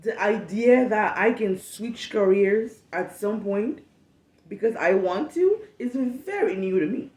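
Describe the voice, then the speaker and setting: A Cameroonian woman in her late twenties, speaking with a Cameroonian accent, hosts a candid solo podcast, frank and emphatic and often repeating herself. Her medium-pitched, slightly mellow voice has lively intonation and a somewhat slow pace. The low-quality recording sounds echoey.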